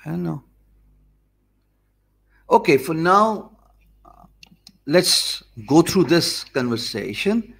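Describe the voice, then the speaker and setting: A man in his forties, an online course instructor whose first language is Urdu, speaks with a Pakistani English accent during a live stream for viewers. His voice is a little high, very animated, creaky, and fairly bright, and he talks deliberately slowly and loosely, thinking aloud. He's indoors in an office with a desk mic in front of him.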